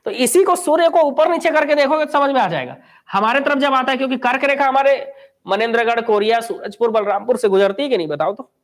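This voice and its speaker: High-voiced Chhattisgarhi coaching teacher. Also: male voice, fast. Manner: chatty, quizzes students and answers himself. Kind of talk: live online class lecture.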